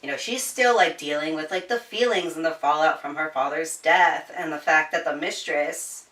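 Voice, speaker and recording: In a giggly, chatty book review peppered with swearing, the female host speaks at a normal pace in a low, fairly bright voice. The mic is some distance away, so the room echo comes through.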